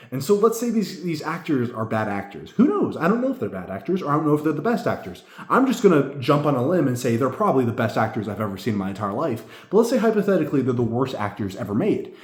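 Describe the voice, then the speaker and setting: An echoey room recording of a man with a medium-pitched voice. He rambles through a casual movie review with tipsy, drunken delivery. He is emphatic and profane, often circling back to repeat his own phrases. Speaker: amateur film reviewer.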